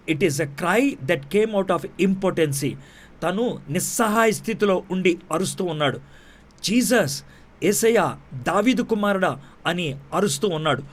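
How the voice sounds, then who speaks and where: A male pastor preaching a sermon at a youth meeting, asking rhetorical questions and repeating key lines slowly in English. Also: high voice.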